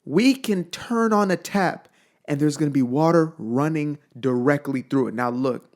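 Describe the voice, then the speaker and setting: A man's voice: fairly high pitch, moderate pace, a little mellow. A young man from Zimbabwe giving an emphatic, blunt motivational monologue, repeating phrases for weight. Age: young adult. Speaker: motivational speaker.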